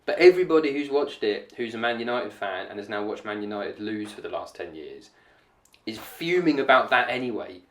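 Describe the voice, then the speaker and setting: Male podcast host, sarcastic and animated, with a lively pitch, recorded in an echoey room. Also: a little fast. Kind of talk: casual comedy podcast chat.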